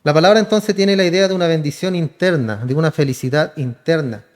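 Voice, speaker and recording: The speaker is a man from Chile giving a sermon in a reverberant church hall. He pitches his voice fairly high and talks fairly quickly, repeatedly saying "hermano" to listeners and supplying answers to his own questions.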